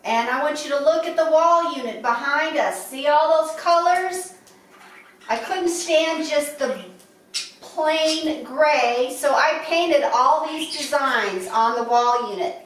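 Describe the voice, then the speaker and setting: A woman's voice: high voice, slow. A woman in her fifties, a fashion vlogger chatting in an upbeat, casual way in her living room, recorded from across the room. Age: 50s. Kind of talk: casual show-and-tell. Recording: echoey room from far off.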